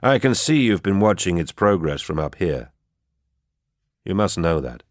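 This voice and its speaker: A man voicing a calm, firm adult male warrior in a read-aloud story, speaking in a measured way. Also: sits low, no room sound, studio quality. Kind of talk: audiobook character reading.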